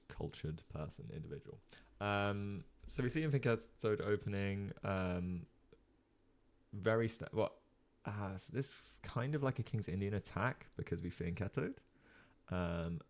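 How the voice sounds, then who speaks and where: Speaking to a live-stream audience, a young man commentates chess games in a casual, rambling style. His very low, darkish voice has a gravelly fry, and he's chatty, filling his thinking aloud and his replies to the chat with frequent ums and uhs.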